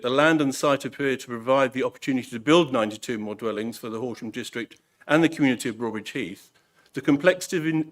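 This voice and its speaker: A man reads a prepared statement to a council meeting. His pitch is average for a man, and his phrasing is measured, earnest and rhetorical. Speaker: parish council representative. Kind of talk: formal prepared speech, read out.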